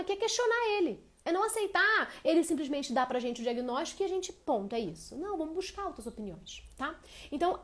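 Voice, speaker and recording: A woman speaking to her audience on a live stream in a casual, animated way. Her voice sits fairly high. She talks very fast, tacking on little check-in questions as she goes. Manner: animated storytelling with many tag questions. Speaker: host of a women's health live stream.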